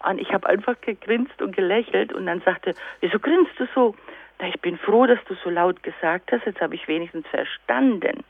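A woman guest speaker in a radio interview, telling lively stories and acting out both sides of dialogues. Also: medium pitch, fairly quick, hardly any pauses, dry recording. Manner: lively storytelling, acts out dialogues. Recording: tinny phone line, dry.

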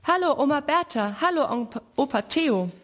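A woman voicing an eager, impatient little boy in a storybook reading, lifting her voice higher. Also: moderate pace, natural voice. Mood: excited.

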